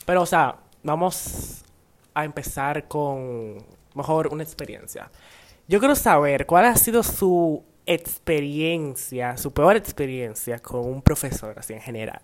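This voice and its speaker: A young podcast co-host, lively and quick to argue a point. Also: mid-range voice. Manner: lively, argumentative, quick to interject. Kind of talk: casual chat.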